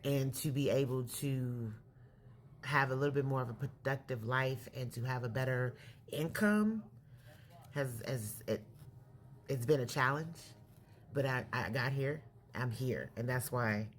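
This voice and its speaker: A woman in her late forties from California, candidly telling her life story in a casual vlog, pausing and correcting herself as she goes. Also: very deep voice, a little hiss or hum. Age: 40s. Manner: reflective, candid, self-correcting. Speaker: vlogger.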